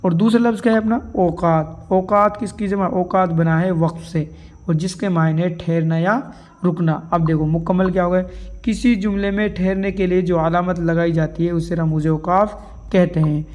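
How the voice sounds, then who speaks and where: A man's voice: sits high, steady tone, moderate pace, darkish tone. A man teaches grammar for an exam. He explains while writing on a board, and keeps asking his students questions that he answers himself. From India. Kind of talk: exam-prep grammar lesson.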